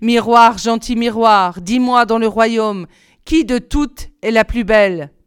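A woman doing a shrill, sneering wicked queen. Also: takes it slowly, clear, resonant tone, dry recording, clean studio sound. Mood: imperious. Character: wicked queen disguised as a cackling old peddler woman.

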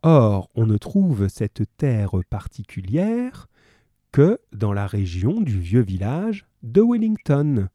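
A man reads aloud as a shrewd, kindly detective, calmly walking a visitor through his deductions with quiet amusement, reassuring and lightly entertained. His voice is very dark and mellow with a lively, wandering pitch, at a slow pace. The sound is close and dry, with no echo.

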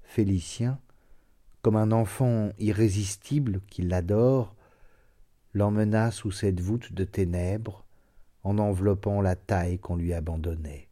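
A man narrating classic fiction as an audiobook in a slow, even, literary reading. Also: on the low side.

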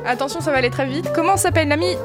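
A woman hosting a casual quiz, laughing often and reading answer options out slowly. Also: high voice. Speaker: quiz host. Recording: music playing underneath.

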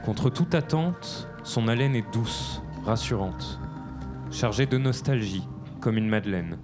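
A man narrating a story in a slow, descriptive way. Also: on the low side, animated, music in the background.

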